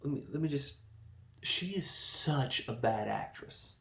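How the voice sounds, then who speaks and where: A man hosting a podcast, giving a casual, opinionated film review and mocking people with quick put-on voices. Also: mid-range voice, animated, vocal fry, fairly bright tone. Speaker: podcast host reviewing films. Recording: echoey room with faint background noise.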